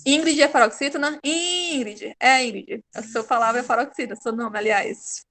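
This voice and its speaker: A woman's voice: a little high, normal speed, a bit bright. A Brazilian woman teaching an online class, patient and encouraging, praising her pupils by name. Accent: Brazilian Portuguese.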